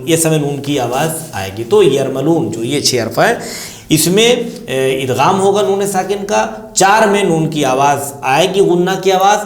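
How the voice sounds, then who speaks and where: ایک کمرے کی گونج میں، قدرے اونچی آواز والا مرد استاد. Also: male voice, on the high side. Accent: Indian Urdu. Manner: patient, demonstrates recitation slowly with drawn-out examples. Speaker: religious teacher. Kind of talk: explanatory lesson. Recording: echoey room.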